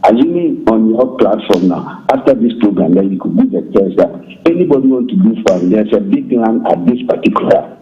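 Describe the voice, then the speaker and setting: A man, phoning into a radio show to give his view in an earnest, animated way that repeats its points, heard through a phone line. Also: fairly low pitch, brisk, soft background music. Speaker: radio call-in caller. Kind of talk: call-in opinion. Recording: muffled phone line with faint hiss.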